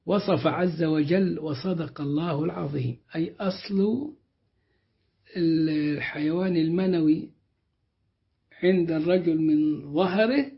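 Guy with a highish voice explaining quran verses slow and careful, kinda muffled lo-fi sound. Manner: measured explanatory delivery, slows when quoting verses. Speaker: Quran teacher. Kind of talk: tafsir lesson reading and explaining verses. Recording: dull lo-fi recording.

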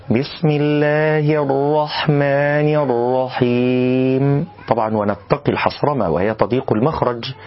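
A man teaching correct recitation in a lesson, explaining calmly and then demonstrating verses slowly and melodiously. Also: on the low side, highs cut off. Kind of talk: tajweed lesson.

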